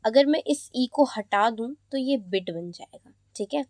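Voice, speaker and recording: A woman with an Indian accent teaching English pronunciation rules. She explains each rule in Hindi, then reads it out slowly in English, and checks in with "okay" again and again. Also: on the high side, lively intonation, dry recording. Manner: slows down to read rules aloud in English, repeats "ठीक है". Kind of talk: classroom explanation.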